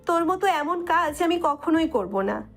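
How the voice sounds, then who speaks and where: A woman's voice: very high voice, lively intonation, moderate pace, a bit bright, soft background music, heavily acted. An actress playing a frank young woman friend who teases and gives blunt advice in an audio drama. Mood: teasing. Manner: blunt, teasing. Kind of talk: Bengali audio drama acting.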